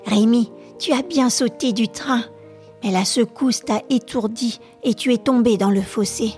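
A woman voicing an eager, loyal young boy who talks in an excited, reassuring way. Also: a little high, measured pace, soft background music, natural voice.

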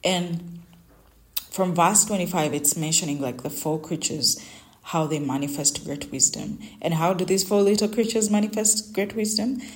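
In a low, slightly mellow voice, a young woman hosts a devotional podcast where she reflects on the Bible and teaches. Her first language is Luganda, and she speaks earnestly and conversationally about scripture and her life.

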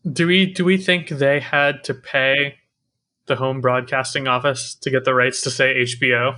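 A man's voice: mid-range voice, fairly even intonation, moderate pace, pushed and bright. A man talking casually and analytically about a video game as a podcast co-host.

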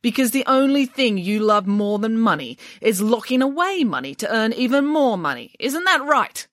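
A woman's voice: fairly high pitch, very animated, moderate pace, a bit bright, no echo, voice pushed up. Woman doing a bossy greedy nanny, raised voice, swoops up and down a lot, very dry close sound. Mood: indignant. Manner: haughty, indignant, grandly scornful. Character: brash greedy self-assured nanny, female adult.

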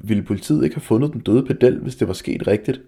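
A man's voice: medium pitch, creaky, dark tone, husky, pitched above the performer's own voice. A man voicing the hesitant boy Jonas. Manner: hesitant, trying to sound brave. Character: cautious schoolboy Jonas.

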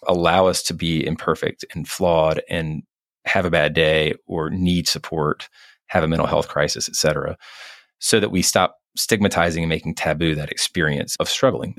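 A middle-aged man, a physician guest, speaking in an earnest, thoughtful, measured way in a reflective interview. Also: low-pitched, no room sound, clean studio sound.

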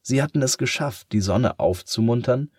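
A man calmly reading a children's story aloud as narrator. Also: mid-range voice, breathy edge, no room sound, clean studio sound. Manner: calm, measured narration.

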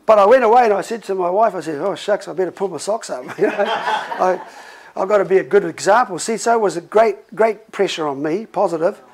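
A middle-aged pastor delivers a sermon like a conversation, telling animated stories and laughing along the way. His voice sits high and moves briskly with hardly any pauses, and the recording is rough.

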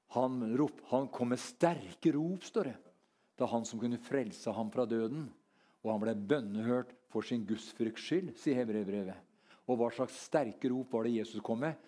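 A man preaching a sermon, rambling and halting with many fillers, then climbing into fervent, near-shouted lines. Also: mid-range voice.

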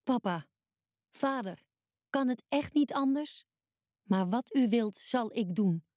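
A sorrowful, gentle grown man from a children's storybook, as a woman reader gives him voice. The tone is mellow and warm, with soft, earnest and grave delivery, and the sound is close and dry with no room around it. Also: fairly high pitch, lively intonation, takes it slowly, no room sound.

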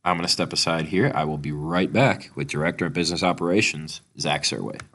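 A male podcast host fighting a chest cold, talking a bit monotone with lots of fillers as he reads a sponsor spot. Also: extremely low pitch, fast talker. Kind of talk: sponsor read and interview.

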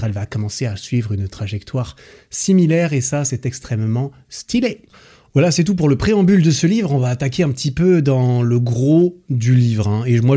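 Male podcast host, dark husky tone, chatty and enthusiastic, slangy, lots of fillers. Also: mid-range voice. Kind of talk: casual book summary.

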